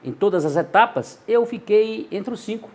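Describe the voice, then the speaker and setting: Husky, lively older man from Minas Gerais. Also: high voice, normal speed. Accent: Minas Gerais Brazilian Portuguese. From Montes Claros, Minas Gerais, Brazil. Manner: animated, acts out dialogue in voices. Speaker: journalist and radio narrator, guest. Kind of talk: casual storytelling interview.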